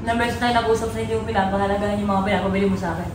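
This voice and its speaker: A woman's voice: mid-range voice, fairly even intonation, rapid-fire, roomy sound, recorded from a distance, background noise. A mother scolding her daughter sternly in a vlog, repeating pointed questions. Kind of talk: vlog confrontation.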